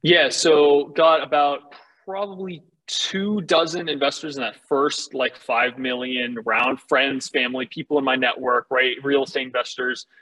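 A man speaking as a startup founder, making a confident, candid startup pitch in a casual, salesy conversational way. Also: fairly even intonation, unhurried, sharp tone, low-quality recording.

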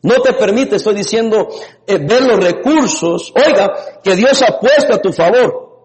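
A man preaching a lively sermon as a pastor, laughing now and then and breaking into sudden shouts. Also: high-pitched, unhurried. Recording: long reverb in a hall.

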